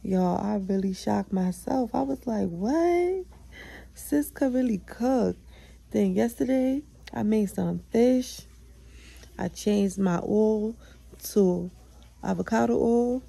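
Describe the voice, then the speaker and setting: A woman's voice: medium pitch, slow pace, vocal fry, warm tone, husky, low-quality recording. A young woman hosting her own podcast, chatting casually and candidly about her day, swearing freely and hyping herself up. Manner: chatty, candid, profane, self-affirming. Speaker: podcast host. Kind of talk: casual solo vlog chat.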